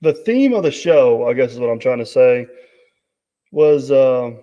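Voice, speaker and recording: A man's voice: medium pitch, expressive, unhurried, mellow. A man hosting a casual live stream, rambling with many fillers and reading out viewer comments. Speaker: host. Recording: dull audio with long reverb.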